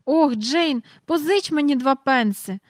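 Woman plays excitable young boy, pleading, high and bright, storybook. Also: normal speed, no room sound, studio quality, close to an everyday voice. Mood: excited. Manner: eager, pleading, impatient.

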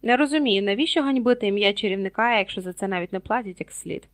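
A woman's voice: medium pitch, quick pace, lightly acted. A woman reading the lines of a cold, haughty aristocratic wizard with a disdainful manner.

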